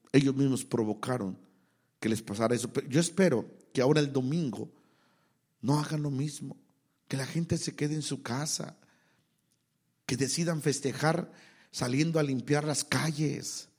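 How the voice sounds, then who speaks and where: A Mexican pastor with a Mexican Spanish accent preaches a sermon, swinging between loud exhortation and quiet asides before leading the congregation in prayer. His voice sits a little high and sounds slightly rough.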